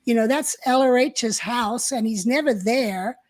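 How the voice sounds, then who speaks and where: A woman's voice: a little high, a little slow. An older woman co-hosting a live-stream chat, telling stories from her past in a chatty way with plenty of fillers. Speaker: co-host.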